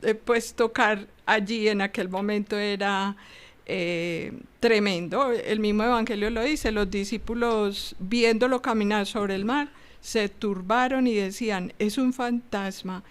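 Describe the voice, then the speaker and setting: A woman talks through a gospel passage like a story. She speaks in a chatty, animated way, with light laughter slipping in between her phrases. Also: medium pitch, unhurried, clear, resonant tone. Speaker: Bible study co-presenter. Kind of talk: conversational gospel commentary.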